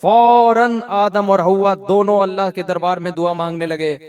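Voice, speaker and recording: A man's voice: sits high, steady tone, darkish tone, smooth. A man with a Pakistani Urdu accent giving a religious sermon, conversational, acting out the people he quotes. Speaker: Islamic scholar.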